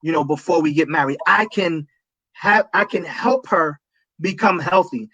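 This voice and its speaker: A man's voice: on the high side, moderate pace, sharp tone, breathy edge, no room sound, dull audio. A man speaking as a pastor in a casual livestream talk, preachy and emphatic, repeating his key points.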